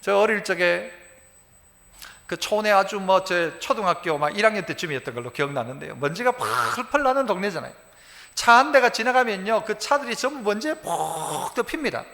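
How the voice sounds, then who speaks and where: A male pastor preaching a sermon, animated and acting out dialect dialogue. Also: high voice, fairly quick, creaky. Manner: animated, quotes dialogue in dialect, shouts for emphasis. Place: church sanctuary. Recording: church sanctuary with long reverb.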